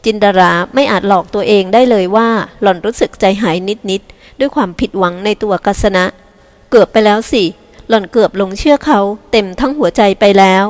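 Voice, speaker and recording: A woman reading an audiobook novel aloud in slow, measured narration. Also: medium pitch. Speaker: audiobook reader. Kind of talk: scripted narration.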